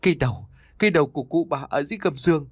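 A frightened old man stammers out hurried words, his voice pushed up above the narrator's own, as a male narrator puts him on. It is an audio horror story, with a dry, close sound. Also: a little high, animated, husky, no echo, voice pushed up. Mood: terrified.

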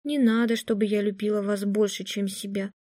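A woman reading an audiobook aloud, voicing a stubborn young woman who speaks in a flat, reluctant monotone. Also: medium pitch, fairly quick, dry recording, clean studio sound, lightly acted. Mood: flat indifferent.

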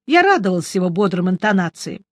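An audiobook reader delivers scripted first-person narration with a lively, wry storytelling manner. The mid-range voice moves fast, and the recording is dry and of studio quality.

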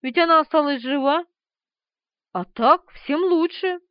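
A woman's voice: high voice, a little slow, no room sound, voice pushed up. A woman voicing a meek, tearful middle-aged man who rambles, in an audiobook. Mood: rambling. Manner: weepy, rambling. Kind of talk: audiobook character voice. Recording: slightly dull, dry.

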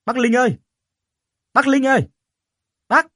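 A man's voice: medium pitch, very animated, brisk, breathy edge, no room sound, studio quality. A man voicing a friendly, polite young man who reassures others and calls out boldly. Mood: calling out.

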